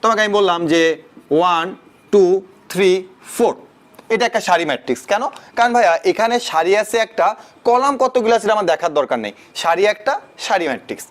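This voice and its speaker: A man's voice: high-pitched, animated, fairly quick. A young man tutoring a math class and mixing in English words. He keeps asking rhetorical questions to his students. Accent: Bangladeshi Bengali. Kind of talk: online class lecture.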